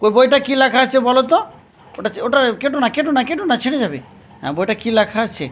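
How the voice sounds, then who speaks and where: A woman patiently quizzing a young child at home, repeating her questions and coaxing answers, sometimes gently scolding. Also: sits high, lively intonation, fast talker. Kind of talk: casual home video chat with a child.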